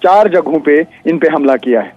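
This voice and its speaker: A man's voice: a little high, expressive, no echo. Man reporting over a dull phone line. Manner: measured, explanatory, frequent "uh" fillers. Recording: muffled dry phone line.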